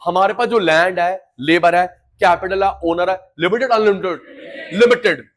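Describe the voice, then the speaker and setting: High-voiced man drilling an economics class. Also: normal speed. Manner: energetic, drills students with call-and-response repetition; mixes Hindi and English terms. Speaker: economics teacher. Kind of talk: live class lecture.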